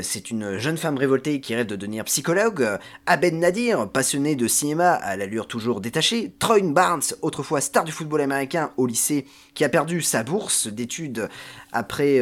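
A man talking casually on a podcast as a panelist, presenting a TV series with many hesitations and filler sounds. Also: mid-range voice.

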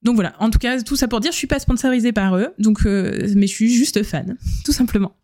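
A woman's voice: a little high, a little fast, mellow. Chatty woman giving podcast advice. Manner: chatty, many fillers and self-corrections. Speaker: podcast host. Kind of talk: casual solo podcast advice.

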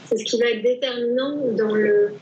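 Brief: encouraging woman guest, slightly high voice, dull lo-fi live audio. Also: fairly even intonation, normal speed, a little mellow. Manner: chatty, encouraging, repeats words as she goes. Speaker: baby sleep consultant guest. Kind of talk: casual live conversation. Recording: muffled lo-fi live stream audio.

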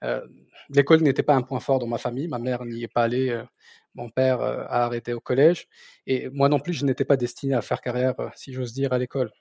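In a casual autobiographical podcast interview, a Berber-speaking company founder in his thirties from southern Morocco talks in a gravelly, a little mellow, mid-range voice. His tone is level and his pace fairly quick, recorded close and dry with no echo. He hesitates often, repeating words as he looks for how to say things.

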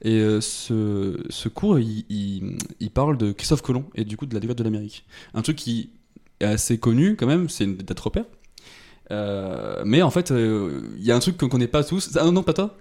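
A man's voice: lowish voice, sing-song, normal speed, darkish tone. A young man co-hosting a casual podcast, explaining a topic with many hesitations and restarts. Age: young adult. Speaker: podcast co-host presenting a segment. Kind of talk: casual chat.

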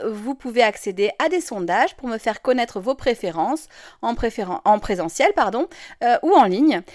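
A woman hosts her podcast in a chatty, upbeat manner, her voice sitting a little high. She speaks quickly and warmly to her listeners. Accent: French. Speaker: podcast host. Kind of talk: podcast intro and voice-over translation.

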